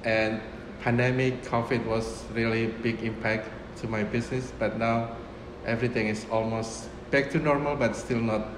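Man in his fifties, from Indonesia, restaurant owner, halting casual talk, room noise behind, camera at table distance. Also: mid-range voice, fairly even intonation. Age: 50s. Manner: unhurried, many fillers and restarts. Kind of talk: casual interview. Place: restaurant dining room, indoors. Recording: roomy echo with room noise.

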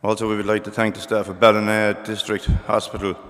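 A man's voice: on the low side, flat delivery, fast talker, a bit bright. Man reading prayers in church. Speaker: family member reading prayers. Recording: long church reverb.

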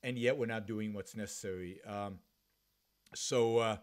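A man in his fifties from Israel hosts a solo talk-radio show from his home office, speaking into a studio mic with a pop filter while wearing headphones. His voice is lowish, fairly even in intonation and a little slow, and he talks earnestly with many restarts and fillers.

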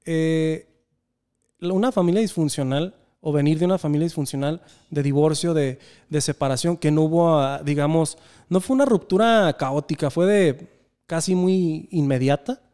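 Mexican man in his thirties, earnest reflective storyteller, slightly high, mellow tone. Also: moderate pace, clean tone. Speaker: podcast guest. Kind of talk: casual conversation.

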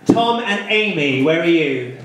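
Man, bingo caller, theatrical drag host, very animated, strong echo, music behind. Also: fairly high pitch, measured pace. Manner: campy, theatrical drag-show delivery. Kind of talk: bingo caller patter at a streamed party show. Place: indoor decorated party studio. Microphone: handheld microphone. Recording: very echoey room, music behind.

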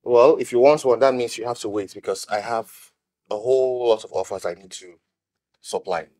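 A Nigerian man playing a young shoemaker who talks business in a relaxed, matter-of-fact way. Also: medium pitch, normal speed, natural voice. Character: young male shoemaker, laid-back boyfriend. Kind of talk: Nollywood film acting.

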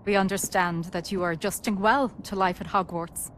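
A woman's voice: medium pitch, fairly even intonation, moderate pace, fairly bright tone, slight background noise, close to an everyday voice. An actress playing a composed, cautious witch professor who speaks formally in a fantasy game cutscene. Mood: gracious. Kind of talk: dramatic game cutscene dialogue.

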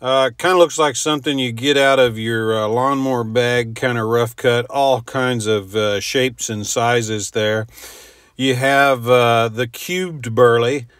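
An American man in his fifties talks through a product in a dry, close voice-over. His pitch is average and his phrasing is informal and halting, like unscripted explaining. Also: fairly even intonation, a bit bright, clean tone, dry recording. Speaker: host of a pipe tobacco review show. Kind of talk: casual voice-over product description.

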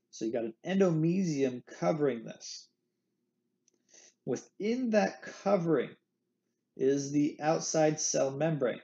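Recorded at his desk on a computer mic through screen recording with webcam, an anatomy instructor jokes his way through slides, relying on candy analogies. His voice is a little high, creaky and mellow, with the highs cut off.

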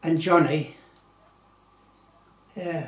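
Man in his nineties, rambly storyteller, pauses and ums, echoey living room. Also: on the high side, steady tone. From Galway, Ireland. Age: 90s. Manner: rambling, with many pauses and fillers. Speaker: oral history interviewee. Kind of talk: unhurried storytelling reminiscence. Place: small living room indoors, seated in armchair. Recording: roomy living-room echo.

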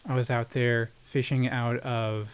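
A man's voice: medium pitch, level tone, a little slow, smooth. Easygoing man, podcast guest. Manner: easygoing, frequent agreeing yeahs. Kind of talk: casual fishing talk. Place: wood-paneled studio room. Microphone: boom mic on desk arm.

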